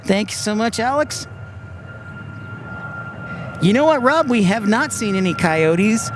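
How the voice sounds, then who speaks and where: A man's voice: high voice, takes it slowly, noisy background. Chatty man hosting an outdoor live stream. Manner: relaxed, reads viewer comments aloud. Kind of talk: casual live-stream chat. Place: outdoors by an airport.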